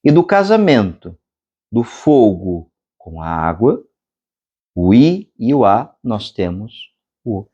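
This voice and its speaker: Brazilian guy teaching meditation, slow and measured, voice goes up and down a lot, chants long vowels. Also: on the low side, sing-song, dark tone, slightly rough, lo-fi sound. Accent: Brazilian Portuguese. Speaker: meditation instructor. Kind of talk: spiritual lecture.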